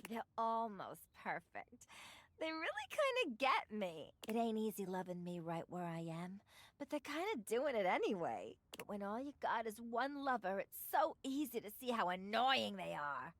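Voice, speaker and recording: A woman's voice: mid-range voice, sing-song, no room sound. A woman with a New York area accent voicing a flirty, dramatic female triangle in a video game, sultry and theatrical. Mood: dreamy. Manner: theatrical, sultry, drawn-out lines. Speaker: game character.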